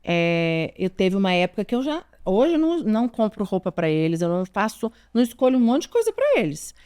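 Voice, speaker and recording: A woman's voice: mid-range voice, big pitch swings, a little fast, a little mellow, clean tone. A woman in her forties with a Brazilian Portuguese accent, giving parenting advice straight to her listeners in an earnest, emphatic way, often repeating her key points. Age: 40s. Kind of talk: direct-to-camera advice talk.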